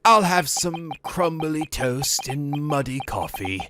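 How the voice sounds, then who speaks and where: A performer voicing a melodramatic, despairing gentleman detective from a video game, in a florid, theatrical, lamenting way. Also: medium pitch, sing-song, takes it slowly, noisy background. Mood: mournful. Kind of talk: hobby game dub read-aloud.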